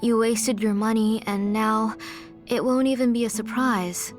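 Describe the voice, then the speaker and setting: A woman's voice: a little high, steady tone, unhurried, natural voice. A woman playing an earnest, devoted auntie who blames herself, in a video game. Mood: apologetic. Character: earnest, self-blaming, devoted older auntie. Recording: music behind the voice.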